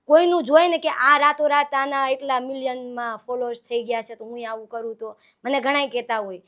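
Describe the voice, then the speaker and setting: A woman's voice: high voice, steady tone, brisk, a bit bright. A woman, from Saurashtra in Gujarat, speaking as a guest folk singer in a casual interview and telling her stories earnestly. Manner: earnest, heartfelt, storytelling.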